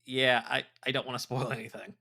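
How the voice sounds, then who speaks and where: A man's voice: medium pitch, flat delivery, fairly quick, gravelly, bright, forceful tone. A man hosting a let's play, reading visual novel text aloud and chatting about it between lines.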